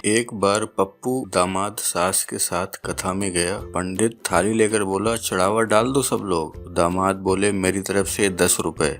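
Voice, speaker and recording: Male joke teller, low voice, voices each character lightly, faint music bed underneath. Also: steady tone, measured pace, hardly any pauses. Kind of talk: scripted comic joke narration.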